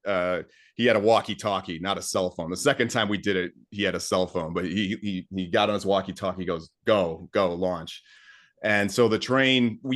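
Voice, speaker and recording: A man's voice: on the low side, fairly bright tone. A man talking as a guest composer in a casual interview, enthusiastic and full of fillers and restarts.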